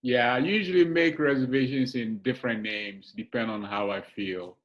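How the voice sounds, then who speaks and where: A man born in Ghana, a guest in a casual comedy chat, easygoing and quick to laugh. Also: mid-range voice, dull audio.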